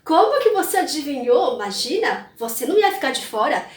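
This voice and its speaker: A woman's voice: high voice, very animated, measured pace. A woman voicing a dragon king father who teases his youngest son in a mock-solemn way. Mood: teasing. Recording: roomy, mic at a distance.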